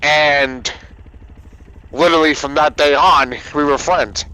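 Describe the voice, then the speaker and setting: A man chatting casually on a gaming stream, his voice sitting a little high. He rambles through stories, padding them with fillers and breaking into laughs. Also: steady tone, slow, sharp tone, clear, resonant tone, low-quality recording. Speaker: guest streamer. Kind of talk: casual storytelling chat.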